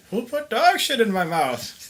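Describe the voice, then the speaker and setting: A man voicing a doddering, cranky old man with a high, quavery put-on voice who mutters flustered complaints. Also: huge pitch swings, unhurried, fairly bright tone, exaggerated voice.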